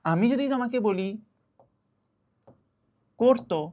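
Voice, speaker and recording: A young woman teaching an online class to children, patient and repeating key words slowly. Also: fairly high pitch, animated, mellow, a little hiss or hum.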